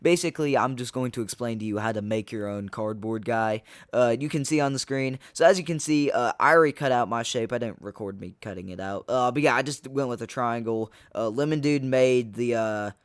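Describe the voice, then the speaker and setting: A man's voice: medium pitch, fairly quick, hardly any pauses, clean tone, dry recording, clean studio sound. A young man casually explaining how to make a cardboard craft, easygoing with fillers. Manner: laid-back explaining, filler-heavy. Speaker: tutorial presenter. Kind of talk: casual tutorial narration.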